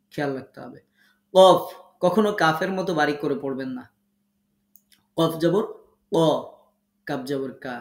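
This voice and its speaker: A man gives an online Quran recitation lesson in a slightly high voice with a gravelly edge. He explains each pronunciation rule slowly and instructively, repeating key points for emphasis. The room around him sounds echoey.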